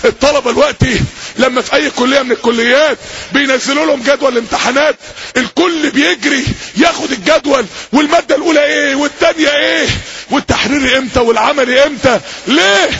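High-voiced, shouting Egyptian preacher. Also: male voice, quick pace, gravelly. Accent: Egyptian Arabic. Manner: impassioned, often shouting, repetitive. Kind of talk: fiery sermon to a gathering. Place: public gathering. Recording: dull lo-fi recording with faint hiss.

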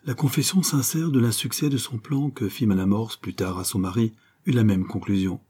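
A man narrating a novel in a measured, even reading. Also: on the low side, husky. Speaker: audiobook narrator. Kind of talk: scripted narration.

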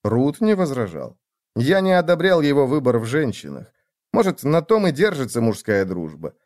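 A man narrating a first-person fantasy story in an expressive, dramatic reading. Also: medium pitch, normal speed. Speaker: audiobook narrator.

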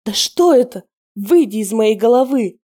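A woman reading a storybook voices a scheming, spiteful middle-aged female werewolf who sneers and taunts, turning shrill and shrieking with anger under pressure. Her delivery is expressive and warm-toned at a moderate pace.

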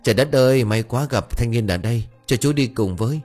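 A man voicing a middle-aged village man who calls out in a friendly, relieved way on a dark road. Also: medium pitch, a little fast, faint music behind, natural voice.

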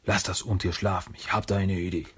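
A man voicing a wise old male rat master in a storybook reading, calm and admonishing. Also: low voice, fairly quick, husky. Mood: stern.

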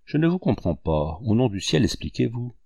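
A man voicing a gentle young woman who pleads softly and timidly, in an audiobook. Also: mid-range voice, very animated, moderate pace, creaky, breathy edge, no echo, clean studio sound, full character voice. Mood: pleading. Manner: soft, pleading.

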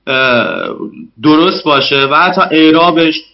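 A man's voice: a little high, very animated, vocal fry, highs cut off. A man, a guest in a casual interview, talking politely about learning a language with many hesitant fillers.

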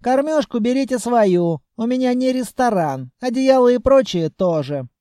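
A man voicing a brisk, blunt young female ship captain. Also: very high-pitched, lively intonation, dark tone, no room sound, clean studio sound, voice pushed up. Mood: curt.

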